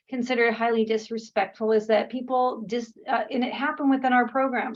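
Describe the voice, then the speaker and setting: A woman facilitates an online workshop by video call, her voice a little high and the sound lo-fi. She is warm and encouraging, thanks people, and says "um" often.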